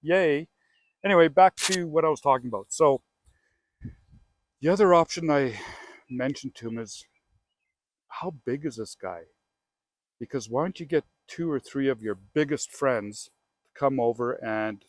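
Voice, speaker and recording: Standing outside by a house on his own real estate show, a Canadian-accented host tells a casual story, animated and chatty, playing both parties in a phone call. He has a mid-range voice, and there's no echo.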